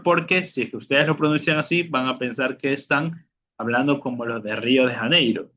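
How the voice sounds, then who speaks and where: A man's voice: medium pitch, fairly bright tone, muffled recording. A man teaching a beginner language class, drilling pronunciation, repeating words and checking in with "ok?". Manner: calls on students by name. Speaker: Portuguese teacher.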